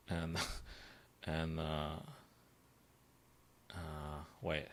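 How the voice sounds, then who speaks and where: A man with a very low voice talks his way through chess puzzles on a live stream. He thinks aloud in short bursts, repeats phrases and breaks into excited outbursts. He sounds like a coach working out each move in real time. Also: drawn-out words, a little hiss or hum.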